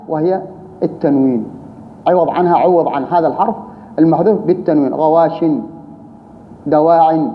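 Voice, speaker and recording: In a dull, lo-fi recording with a long room reverb and faint hiss underneath, a man with a high-pitched voice patiently teaches grammar. He repeats key terms and asks rhetorical questions along the way.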